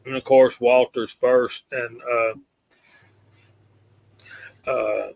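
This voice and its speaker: Slow-talking man hosting a stream. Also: medium pitch, vocal fry, no echo. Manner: reads out viewer names in a steady list. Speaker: live stream host. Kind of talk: casual live stream chat.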